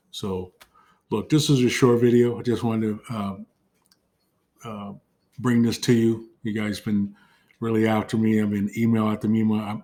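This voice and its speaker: Low, flat-voiced man losing his voice. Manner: loose, filler-heavy, talks straight to viewers. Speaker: credit coach. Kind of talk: casual online tutorial.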